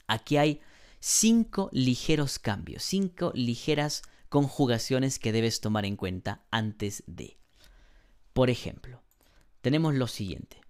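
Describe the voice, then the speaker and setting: A man teaching an English grammar lesson, patiently explaining rules, asking rhetorical questions and slowing down to stress key points. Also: medium pitch.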